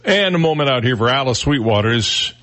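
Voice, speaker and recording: A man's voice: mid-range voice, expressive, brisk, fairly bright tone. A man hosting a radio talk show, telling rambling self-deprecating stories. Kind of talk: casual chat on radio. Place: radio studio.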